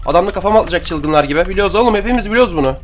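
Young male gaming creator: high-pitched, fast-talking, excitable, slangy, chatty with viewers over soft background music. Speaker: gaming YouTuber. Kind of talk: live gameplay commentary.

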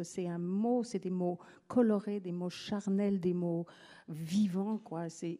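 Slow, dark-voiced woman musing onstage. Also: mid-range voice. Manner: hesitant, reflective, frequent fillers and restarts. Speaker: guest writer. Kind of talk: onstage literary conversation. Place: theatre stage before an audience. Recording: live event audio capture.

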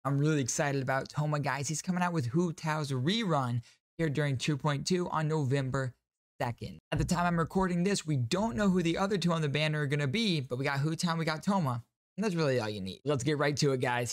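Close to a boom-arm studio mic in his small home streaming room, a young YouTube gaming host reacts to a game with upbeat, enthusiastic commentary. His voice runs on the high side and fairly quick, with no room sound.

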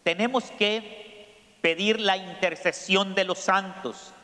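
A priest preaching a sermon, slow and emphatic, putting questions to his congregation. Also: high-pitched, steady tone, pushed and bright. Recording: echoey church hall.

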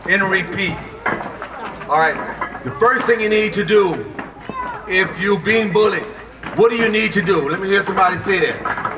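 A man's voice: high-pitched, noisy background. A man, a karate instructor giving a talk to children at a community event. He repeats himself and leads the crowd in call-and-response like a commanding teacher. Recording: distant mic with music behind.

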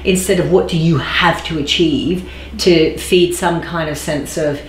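A woman in her forties, a guest in an interview, speaking thoughtfully and slowing down to stress key phrases. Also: low-pitched, fairly even intonation, slight background noise. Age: 40s. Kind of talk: reflective conversational interview. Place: bright living room, seated on a sofa. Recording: roomy echo.

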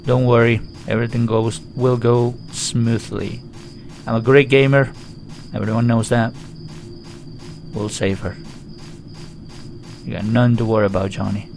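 A man's voice: mid-range voice, fairly even intonation, measured pace, gravelly, pauses often, a little mellow. A man giving chatty, joking let's-play commentary on a horror game. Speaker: gaming YouTuber.

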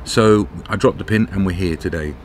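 Holding the camera at arm's length, a British travel vlogger in middle age chats casually at a campsite. His voice sits low and moves at a moderate pace. Background noise is audible in the outdoor recording.

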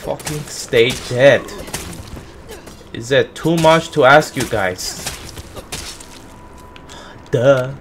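A man's voice: medium pitch, drawn-out words, long pauses, a little hiss or hum. A man doing casual let's-play commentary, talking to himself and swearing when the game startles him. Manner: animated, swears and yelps at game scares. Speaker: gameplay streamer.

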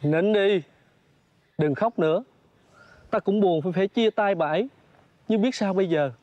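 A man's voice: high-pitched, normal speed, muffled recording, a little hiss or hum, natural voice. A man playing a kindly, fussy photographer in reformed opera, coaxing and scolding a baby monkey. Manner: coaxing, scolding, exclaims often. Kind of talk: reformed opera spoken dialogue.

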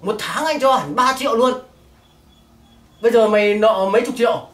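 A man's voice: high voice, moderate pace, fairly bright tone. A man playing a sleazy pushy boss. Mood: boastful. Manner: pushy, hesitant with fillers. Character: sleazy, boastful rich man friend. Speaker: friend and employer in a comedy sketch. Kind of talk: amateur comedy sketch acting.

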